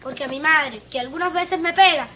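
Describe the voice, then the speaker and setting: Una actriz interpreta a un niño vecino, inocente y parlanchín, que habla con tono infantil y juguetón. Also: female voice, sits high, fairly quick, pushed and bright, a little hiss or hum. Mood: childlike, sweet. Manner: childlike, playful, sing-song. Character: little boy neighbour, innocent, chatty.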